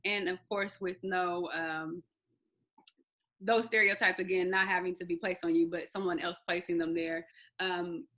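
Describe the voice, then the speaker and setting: A woman with a bright, lively voice sitting a little low in pitch, hosting a group chat. She puts her questions to the group slowly and carefully, pausing to search for words. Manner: thoughtful, searching questions with pauses. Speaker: host. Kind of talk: moderating a group discussion.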